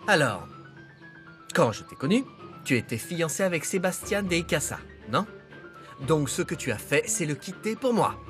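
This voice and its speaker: A man's voice: mid-range voice, a bit bright. A male dub actor playing a scornful estranged father in a telenovela, sneering and sarcastic toward his ex. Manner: mocking and sarcastic. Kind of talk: dubbed telenovela acting.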